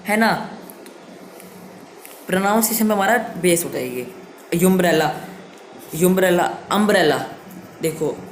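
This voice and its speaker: A man's voice: sits high, darkish tone. A man teaching a grammar lesson online, patient and repetitive, sounding words out again and again. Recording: echoey room with faint noise.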